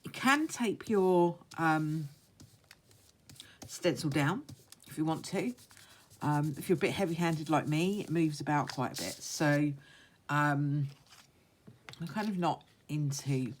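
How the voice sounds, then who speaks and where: A woman with a hoarse, croaky voice chatting casually and unhurriedly through a craft tutorial as she works. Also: low-pitched, slight background noise. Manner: unhurried, talks along while working with her hands. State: hoarse, still getting over a croaky voice. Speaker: craft vlogger demonstrating techniques.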